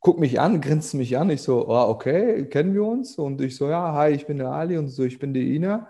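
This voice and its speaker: Chill man on a podcast, warm low-key tone, rambling story with lots of ähs. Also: fairly quick, creaky. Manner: chatty, lots of fillers and quoted dialogue. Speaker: podcast guest. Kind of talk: casual storytelling in a podcast conversation.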